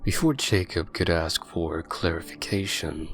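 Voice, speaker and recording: A man narrating a horror story in a low, measured, grim way. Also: animated, fairly bright tone. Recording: faint background music.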